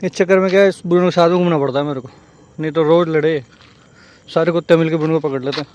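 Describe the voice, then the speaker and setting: Male family vlogger, high-pitched, chatty and playful on a phone camera. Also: steady tone, very fast, a little mellow, lo-fi sound, a little hiss or hum. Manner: chatty, playful, talks to kids and viewers. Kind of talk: casual vlog narration. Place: home, indoors; later outdoors on a walk.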